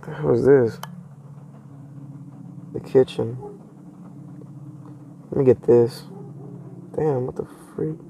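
A man's voice: medium pitch, fairly even intonation, takes it slowly, vocal fry, long pauses, dark tone, a little hiss or hum. A young man giving casual horror game commentary as a streamer, scared and jumpy, exclaiming and repeating himself. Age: young adult. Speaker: gaming streamer.

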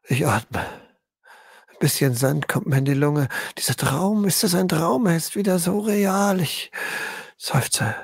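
A player speaking in first person as their character, intense and halting, often dropping to a hush. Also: mid-range voice, vocal fry, no room sound, studio quality.

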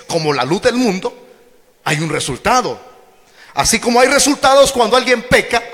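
A high, bright male voice preaching with lively, wide-ranging pitch. He swings from shouted declarations to low, drawn-out phrases in a sermon to his church. The sound rings with long reverb from a large hall. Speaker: pastor.

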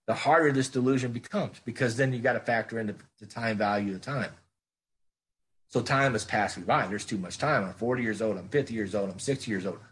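A man's voice: mid-range voice, husky. A middle-aged man speaking at a recovery meeting, earnest and plainspoken, repeating phrases for emphasis.

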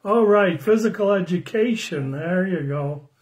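An older man in his sixties giving a children's sermon on a phone livestream, slow and friendly, greeting viewers by name and asking the kids questions. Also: high voice, darkish tone, rough recording. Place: small room indoors at home. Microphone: phone camera close up.

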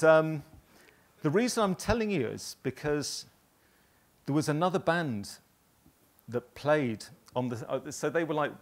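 A man in his fifties from northern England, a graphic designer telling rambling stories with many pauses to a live audience. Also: fairly high pitch. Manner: rambling anecdotal storytelling with many ums. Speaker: graphic designer giving a talk.

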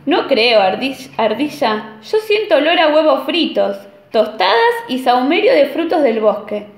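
A woman voicing a sly, know-it-all male skunk who sounds sure of himself and deadpan, recorded in an echoey room. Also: high voice, measured pace, exaggerated voice. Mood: smug.

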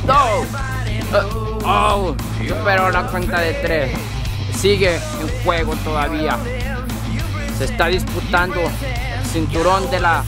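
Wanted: man playing an excitable wrestling commentator for mock match calls, high voice, slow drawn-out exclamations. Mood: excited. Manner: exclamatory, drawn-out calls with many repeated interjections. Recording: loud music behind the voice.

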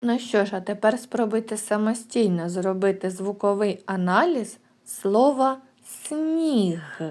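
A woman kindergarten teacher giving a recorded lesson to young children, sounding out words slowly and clearly. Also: mid-range voice, fairly even intonation, a little mellow.

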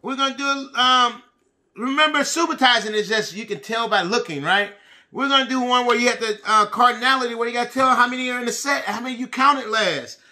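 High, bright-voiced man teaching small children. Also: a little fast. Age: middle-aged. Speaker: preschool and kindergarten teacher. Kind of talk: children's lesson addressed to young pupils. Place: small indoor room with bookshelves.

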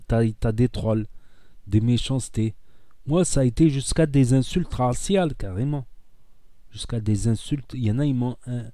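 A man's voice: medium pitch, dark tone, dry recording. A man with a southern French accent from Narbonne, a content creator talking in a casual, rambling monologue to camera, earnest and heated, often repeating himself. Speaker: social media content creator.

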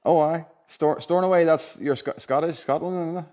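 A man's voice: a little high, normal speed, a little mellow. A man of around forty informally presenting a live prize draw in a chatty, colloquial way. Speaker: competition draw host. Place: indoor showroom unit with a car and screen.

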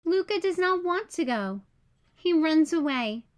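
A woman reads a children's picture book aloud like a storyteller, keeping her delivery clear, simple and expressive. Her pitch is extremely high, and she never hurries.

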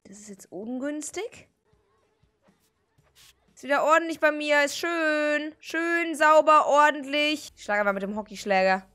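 A young woman narrates her gameplay for her stream in a high, lively voice that leaps up and down. She exclaims and shrieks at what happens on screen, and faint game music plays behind her. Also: moderate pace, long pauses. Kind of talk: gaming stream commentary.

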